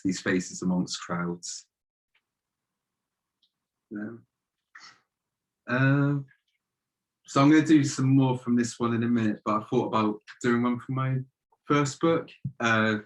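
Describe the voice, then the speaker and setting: A young man reads his own poems on a video call, his voice sitting low and staying flat. His delivery is measured and steady and leans on repeated refrains. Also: poor audio. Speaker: guest poet. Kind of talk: poetry reading.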